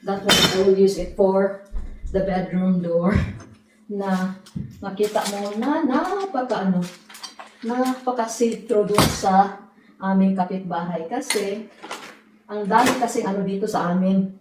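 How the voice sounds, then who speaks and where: A woman's voice: medium pitch, a little slow, long pauses, noisy background. A middle-aged woman from the Philippines, chatting and joking in a casual home vlog as she shows her new house. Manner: chatty, joking, mixes Tagalog and English. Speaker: vlogger. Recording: echoey room.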